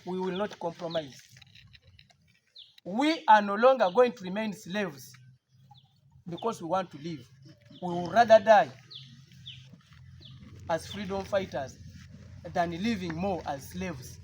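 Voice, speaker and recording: Ugandan guy speaking at a press conference, high voice, fired up and defiant, keeps hammering the same lines. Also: measured pace, long pauses, a little hiss or hum. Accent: Ugandan English. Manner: emphatic, defiant oratory with repeated rallying lines. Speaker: party politician at a press conference. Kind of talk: political press statement.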